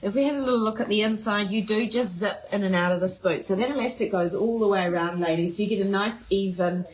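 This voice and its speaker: A woman's voice: medium pitch, quick pace, a little hiss or hum. A chatty, enthusiastic woman presenting shoes in a live showcase, with many fillers. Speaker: fashion presenter. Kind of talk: live shoe showcase chat. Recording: echoey room.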